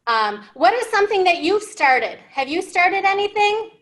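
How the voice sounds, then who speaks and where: This storytime host has a very high, very animated voice with a fairly bright tone and normal speed. An American in her thirties, she sits at a whiteboard in an indoor library room, asking young English learners questions and encouraging them in simple, teacherly language.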